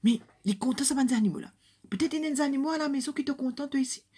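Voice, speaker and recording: With rapid-fire, high-pitched delivery, an older woman with a Mauritian Creole accent animatedly recounts a Bible story for children. Her voice sinks to hushed whispers, then climbs to loud calls.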